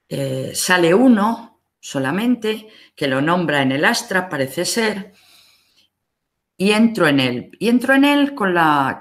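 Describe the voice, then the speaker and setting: Slow, patient instructor with a Spain accent. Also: mid-range voice, fairly bright tone. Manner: patient step-by-step explaining. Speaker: university library instructor. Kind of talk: recorded online course, screen demonstration.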